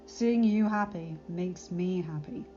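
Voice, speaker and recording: A woman voicing an earnest young male pony guard who speaks in a gentle, reassuring way, in a slightly dull recording with faint music. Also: on the low side, slow.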